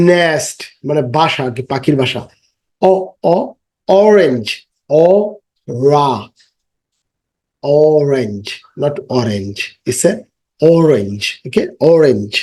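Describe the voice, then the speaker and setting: A man teaching children an English lesson. He chants rhymes and sounds slowly, stretches each word and explains patiently. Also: fairly high pitch, a little mellow. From Bangladesh. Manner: explains patiently, mixing English into his speech.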